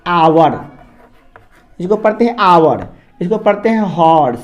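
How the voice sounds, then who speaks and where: A man's voice: sits high, very animated, normal speed, highs cut off. A man teaching a grammar lesson to a class. He repeats each point and keeps asking whether the students have understood.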